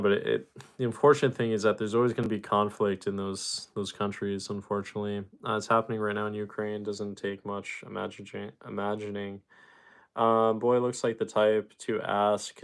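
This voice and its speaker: A man's voice: on the low side, gravelly, smooth. A man live streaming, reading viewer comments aloud and answering them in loose, rambling casual chat. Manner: rambling, with fillers and restarts.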